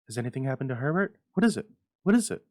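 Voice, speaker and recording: Man as frantic, high-pitched old woman. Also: very animated, rapid-fire, darkish tone, no echo, clean studio sound, lightly acted. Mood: anxious, breathless. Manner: breathless, wild, urgent. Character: frantic elderly mother, grieving and hysterical wife.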